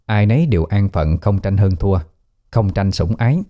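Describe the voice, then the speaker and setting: A man narrating a ghost story in a calm, even audiobook reading. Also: on the low side, moderate pace. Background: faint background music.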